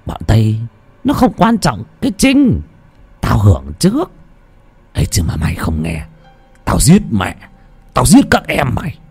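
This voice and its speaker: A man voicing a lecherous old village chief with a gruff, slurred, wheezing voice. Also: mid-range voice, huge pitch swings, measured pace, long pauses, a little mellow, soft background music, exaggerated voice. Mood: menacing.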